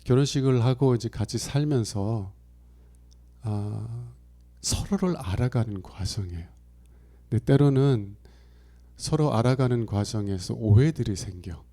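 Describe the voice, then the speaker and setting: A middle-aged pastor from Province, preaching a sermon in a conversational, storytelling way and acting out quoted lines with big jumps in loudness. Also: male voice, medium pitch, unhurried, long pauses. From Chungcheong Province, Korea. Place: church sanctuary.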